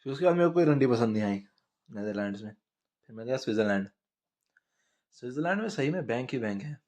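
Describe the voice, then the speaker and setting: A man's voice: medium pitch, expressive, fast, a little mellow. Blunt, profane male storyteller. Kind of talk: crude comedic monologue.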